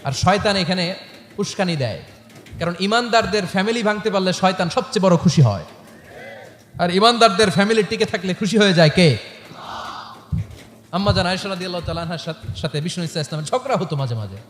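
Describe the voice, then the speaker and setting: A man preaching an animated sermon through loudspeakers to a large gathering, telling stories and firing rhetorical questions at the crowd. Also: high-pitched, a little fast, pauses often. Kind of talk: sermon with storytelling. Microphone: microphone through loudspeakers. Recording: echoey public-address sound with long reverb and faint noise.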